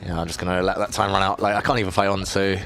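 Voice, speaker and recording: Low-voiced self-mocking man streaming chess. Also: flat delivery, very fast, gravelly, fairly bright tone, faint music behind. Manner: self-deprecating, chatty, reads chat questions aloud. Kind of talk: casual live-stream commentary.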